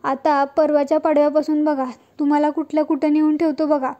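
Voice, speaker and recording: A woman voicing a boastful, pushy son-in-law in a serial recap, in her own high voice. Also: level tone, fairly quick, mellow, lo-fi sound, lightly acted.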